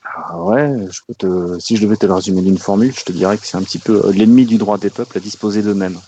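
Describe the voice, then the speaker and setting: A man answering quickly and casually as a guest author, his voice coming through a muffled hands-free phone line. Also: on the low side, mellow, slightly rough.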